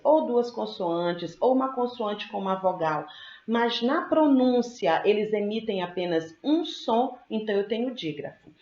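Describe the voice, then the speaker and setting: A female teacher giving a recorded grammar lesson, patiently explaining, checking in with the class and repeating example words slowly. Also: medium pitch, darkish tone. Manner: slows to spell out sounds and repeat example words. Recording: echoey, dull lo-fi sound.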